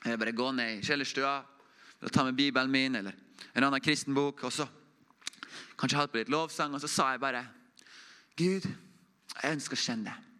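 A young man preaching an informal testimony sermon as a mission report, earnest and conversational, often dropping to a hush. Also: mid-range voice, fairly even intonation, clean tone. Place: church.

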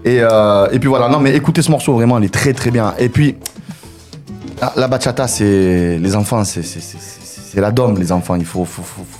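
A man hosting a radio show in casual chat, lively and full of hesitant fillers. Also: on the low side, normal speed, soft background music. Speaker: radio host.

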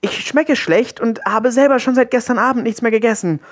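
A frightened young boy from a storybook, pleading in a high voice, as a man puts him on. The pitch jumps far above the reader's own. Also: fairly quick. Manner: pleading, scared.

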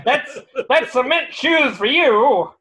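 A brash 1920s Chicago mobster barks his slang with a sing-song swing. The delivery is slow and drawn out, with a snarling tough-guy edge. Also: extremely high pitch, lively intonation, a bit bright, exaggerated voice.

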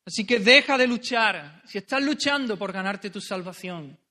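A man's voice: high-pitched, animated, normal speed, bright, forceful tone. A man preaching an earnest, pleading sermon, repeating phrases for emphasis.

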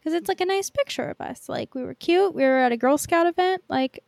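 This podcast co-host is a young woman whose very high-pitched, slightly mellow voice moves a little fast and has vocal fry. She chats loosely about movies, rambling and peppering her talk with "like." The recording is dry.

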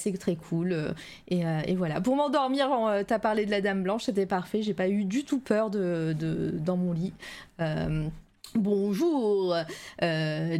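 A woman hosting a live stream in a relaxed, chatty way, with frequent hesitations between her words. Her voice sits at a middle pitch, and a slight frog in her throat sometimes breaks into a cough. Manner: chatty, loose, filled with hesitations. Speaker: livestream show host. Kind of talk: casual livestream chat, greeting viewers.

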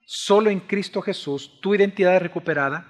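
A man preaching a sermon, swinging between hushed pleading and raised, emphatic preaching. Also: high voice, a little fast. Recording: long reverb of a large hall.

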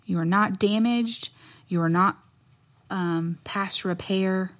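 A woman's voice: medium pitch, slow. A woman with a West Texas accent speaking as a nurse guest in an interview, explaining earnestly and choosing her words carefully.

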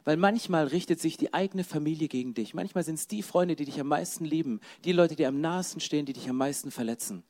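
A man's voice: a little high, quick pace, hardly any pauses, a little mellow. A man preaching a sermon. He addresses his listeners directly and with emphasis.

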